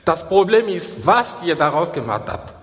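Emphatic preacher with a ringing hall echo. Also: male voice, fairly high pitch, sing-song, moderate pace. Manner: emphatic, repeats key phrases. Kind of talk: sermon. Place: church.

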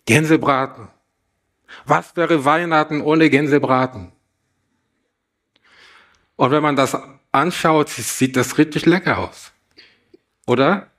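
A man preaching a Christmas sermon, reading a fable aloud and asking the listeners gentle questions. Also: fairly high pitch, lively intonation, moderate pace, long pauses. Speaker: pastor.

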